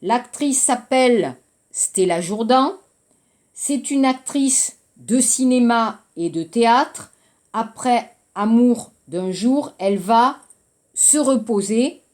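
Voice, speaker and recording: A woman's voice: fairly high pitch, lively intonation, takes it slowly, darkish tone. A woman from France teaching a French class, explaining patiently and repeating phrases, with a few Korean words mixed in.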